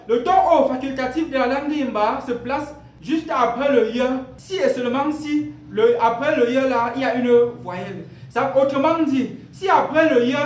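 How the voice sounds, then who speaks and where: A man's voice: very high-pitched, a little hiss or hum. A man teaching an online language lesson, explaining patiently and repeating himself, often asking rhetorical questions before he answers them. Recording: roomy echo.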